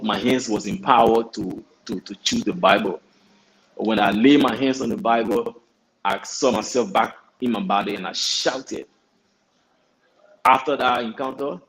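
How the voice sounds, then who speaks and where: Man, young adult, low-pitched, halting earnest testimony with repeated words. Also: low-quality recording. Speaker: guest. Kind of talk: personal testimony in a talk show interview.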